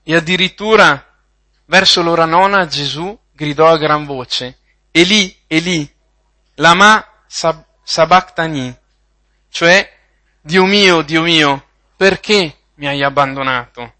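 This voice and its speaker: A man preaching a sermon, reading Bible passages and repeating phrases with slow emphasis. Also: on the high side, bright, forceful tone.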